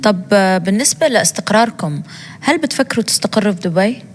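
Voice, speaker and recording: A woman interviewing guests in a casual chat, asking quick, probing questions. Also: mid-range voice, lively intonation, big-room sound, a little hiss or hum.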